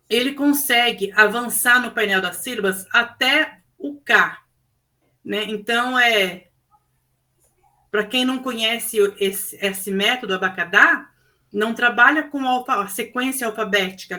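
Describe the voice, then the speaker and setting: A woman's voice: medium pitch, sharp tone, poor audio. A woman teacher with a Brazilian Portuguese accent, presenting her classroom project in an explanatory way with frequent fillers.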